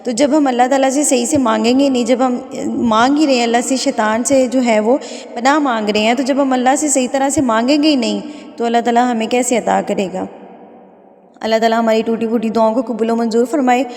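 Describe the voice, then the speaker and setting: A woman with a fairly high voice teaching Quran recitation, patiently drawing out each syllable for students to repeat. Her voice carries a long reverb, as in a hall. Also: fairly even intonation, a little mellow. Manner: patient, repeats each sound slowly and drawn out for learners to copy. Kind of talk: online tajweed lesson.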